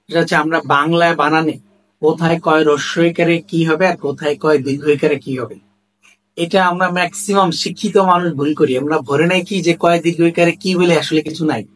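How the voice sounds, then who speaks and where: A man's voice: on the high side, steady tone, fast, a bit bright, low-quality recording. A man explaining a spelling rule in a lesson, emphatic, repeating example questions. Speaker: language teacher.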